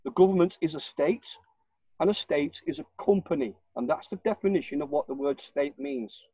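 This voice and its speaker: Husky northern English man, insistent. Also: on the high side, normal speed, warm tone, no echo, rough recording. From North West England. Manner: emphatic, insistent, explains in repeated short clauses. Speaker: interview guest. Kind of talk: conversational interview.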